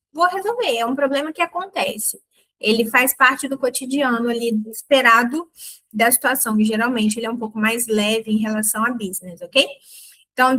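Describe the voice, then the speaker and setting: A woman teaching an English grammar lesson in Portuguese, chatty and often checking that the learner follows. She slows right down to say each example sentence carefully. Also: on the high side, bright, forceful tone.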